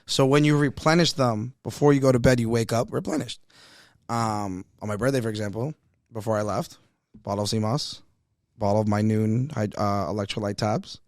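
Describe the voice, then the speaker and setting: A man's voice: fairly low pitch, steady tone, moderate pace, dry recording, studio quality. A man hosting a podcast, chatting casually in a rambling, slangy way. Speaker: podcast host. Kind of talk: casual chat.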